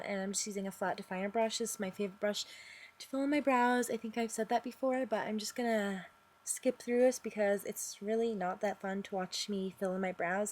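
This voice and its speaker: A young woman talking casually through her makeup routine in a voice-over, chatty and rambling, with fillers and quick apologies. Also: medium pitch, darkish tone. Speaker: makeup vlogger.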